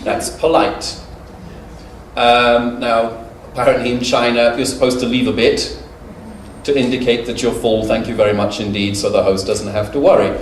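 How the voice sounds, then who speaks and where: A medium-pitched man from the United Kingdom, middle-aged, talks at a moderate pace with fairly even intonation. His conference lecture is relaxed and funny, with anecdotes and filler words throughout. It was recorded in an echoey hall on a distant mic, with faint noise.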